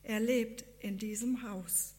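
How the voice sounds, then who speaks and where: A woman voicing two calm young male missionaries who speak quietly and reassuringly. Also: medium pitch, slow, natural voice. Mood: assuring.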